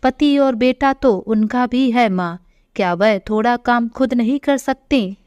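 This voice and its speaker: A spoiled, resentful young wife, voiced by a woman narrator, grumbling slowly in a smooth, clear voice. The recording is dry and dull, like lo-fi audio. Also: fairly high pitch, a little mellow, dry recording, lightly acted. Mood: complaining. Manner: whiny, resentful. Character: spoiled, complaining young married daughter.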